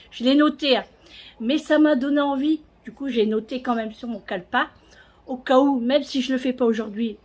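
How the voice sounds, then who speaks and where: Woman vlogging from her kitchen, kinda high voice, rambly, lots of euh and restarts. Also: a little mellow. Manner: chatty, rambling with many fillers and restarts. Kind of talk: casual home vlog chat. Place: home kitchen, indoors.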